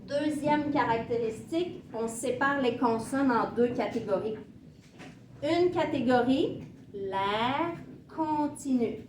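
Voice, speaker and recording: A woman teaching a class, speaking in short, simple phrases and demonstrating for learners. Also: high-pitched. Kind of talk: classroom lesson. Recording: echoey classroom from far off, with room noise.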